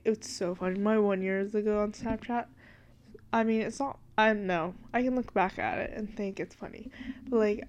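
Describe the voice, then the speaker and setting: Recording at night in her dark bedroom, a young adult woman from Washington state chats casually on her podcast about her life, her voice a little high. She's slightly congested from allergies and rambles along with giggles and plenty of "like" and "literally."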